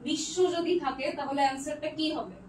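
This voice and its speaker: A woman's voice: high-pitched, fairly even intonation, fast, darkish tone. A young woman teaching a live online class. She reads out student comments and patiently checks their answers one by one, dropping in English words. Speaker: online tutor. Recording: echoey room, distant mic, faint noise.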